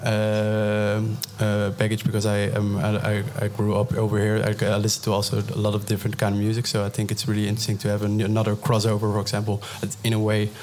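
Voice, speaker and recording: A man explains his music project in loose, rambling talk. His voice is low and barely moves in pitch. Faint background ambience sits underneath. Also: monotone, fast talker, hardly any pauses, darkish tone, slight background noise. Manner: rambling, filler-heavy. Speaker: DJ and producer guest. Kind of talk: casual interview chat.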